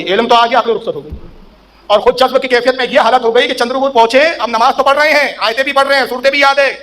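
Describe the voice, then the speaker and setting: A man's voice: high voice, fairly bright tone. A man preaching a sermon in a storytelling way, acting out quoted speech with a raised voice.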